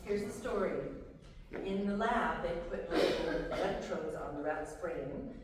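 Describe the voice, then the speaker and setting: Brief: animated female workshop presenter, sings bits of melody, heard from afar in a big reverberant hall with background noise. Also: fairly low pitch, a little slow. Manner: lively, breaks into singing examples. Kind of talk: teaching a workshop to adults. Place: large echoey hall. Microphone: distant from the microphone. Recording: roomy echo, distant, noisy.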